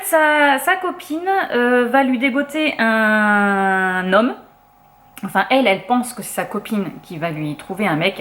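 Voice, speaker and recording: Chatty French woman with a high voice. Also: fairly bright tone. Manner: chatty, many fillers and restarts. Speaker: book vlogger. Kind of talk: casual chat.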